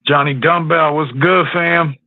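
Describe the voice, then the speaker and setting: A man's voice: fairly high pitch, fairly even intonation, measured pace. A man co-hosting a casual livestream chat, his voice echoing faintly from a second device. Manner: laid-back, friendly, calls people fam and brother. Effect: faint doubled echo from a second device. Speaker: podcast co-host. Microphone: two mics picking up at once. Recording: tinny phone-like line, dry.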